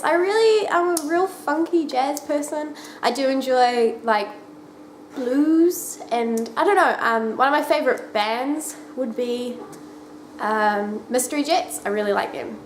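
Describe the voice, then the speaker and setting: A young woman with a New Zealand accent chats casually to her camera, wandering off-track and filling her answers with ums. Her voice sits a little high. The room is echoey with a faint background hum. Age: 20s. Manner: chatty, rambling, many "um"s and restarts. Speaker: vlogger. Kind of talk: casual chat answering questions.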